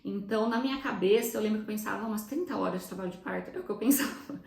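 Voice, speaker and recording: A woman's voice: mid-range voice, creaky, a little mellow, echoey room. A young Brazilian woman with a Brazilian Portuguese accent telling viewers a personal story in a chatty vlog style, emotional and close to tears. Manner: chatty, fast, often addresses viewers directly. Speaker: vlogger recounting her birth.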